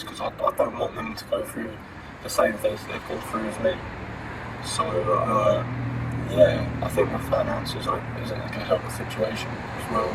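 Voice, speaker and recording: An anonymous man, answering interview questions hesitantly through a voice distortion that hides who he is. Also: on the low side. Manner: hesitant, halting, repeats himself. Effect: voice distorted to disguise identity. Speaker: anonymous interviewee, estate resident. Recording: distant mic, loud background noise.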